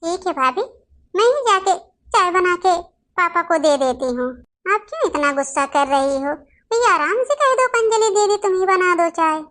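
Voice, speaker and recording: Woman playing a cartoon married daughter, young, very high, soft, polite, meek. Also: lively intonation, moderate pace. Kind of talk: cartoon family story voice acting.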